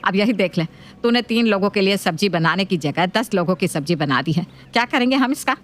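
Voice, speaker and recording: A woman's voice: expressive, close to an everyday voice. Woman doing a nagging old mother-in-law. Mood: scolding. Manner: scolding, slow and lower-voiced.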